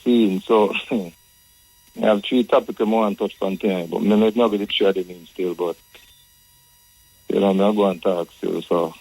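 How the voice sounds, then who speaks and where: A Jamaican man calling a radio show, arguing conversationally in Rasta speech with a husky voice, repeating phrases as he builds his point. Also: fairly low pitch, steady tone, normal speed, pauses often, darkish tone, no room sound, rough recording. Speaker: radio caller.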